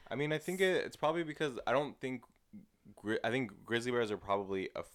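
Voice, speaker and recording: A man's voice: medium pitch, animated, fast. A man co-hosting a podcast, reacting and thinking aloud hesitantly in casual chat. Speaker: podcast co-host.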